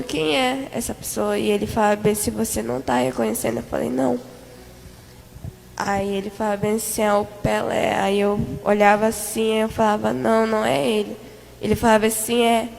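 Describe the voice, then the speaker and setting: A woman's voice: medium pitch, creaky, a little mellow, in a large hall, slight background noise, rough recording. A woman giving an earnest spoken testimony of a vision to a congregation, often calling them "beloved". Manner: earnest storytelling, repeating "amados" to the congregation. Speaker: church member giving testimony.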